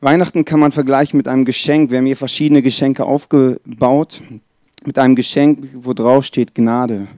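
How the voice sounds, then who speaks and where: Male preacher, earnest, talks straight to the congregation, dark mellow tone, dry close sound. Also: medium pitch, flat delivery, no room sound. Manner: earnest, addresses listeners directly; drops to a soft, slow tone when reading scripture. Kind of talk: Christmas Eve sermon. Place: church.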